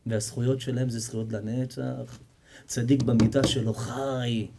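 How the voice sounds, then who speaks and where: A man's voice: medium pitch, creaky, background noise. A man, a rabbi, giving a sermon full of stories, acting out the characters and joking with the audience. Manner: animated storytelling, acts out characters, jokes and quizzes the audience. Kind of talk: sermon with storytelling.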